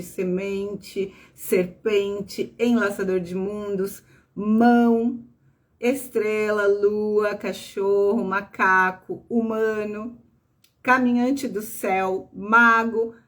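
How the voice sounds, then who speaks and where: A woman with a Brazilian Portuguese accent, a tarot reader and teacher who explains patiently on a live stream, often ending phrases with a questioning tag and greeting viewers by name. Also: fairly high pitch. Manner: patient explaining, tags lines with "né?".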